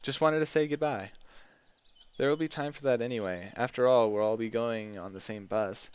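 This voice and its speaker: A man's voice: mid-range voice, normal speed, clear, resonant tone, natural voice. A man doing a sassy, blunt teenage girl. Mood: teasing.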